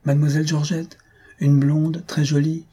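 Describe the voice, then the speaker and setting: A polite shopkeeping woman answers questions courteously, voiced by a man reading the story. His voice rises for her but keeps its husky, mellow grain. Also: a little high, little pitch movement, moderate pace, voice pushed up. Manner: polite, inquiring.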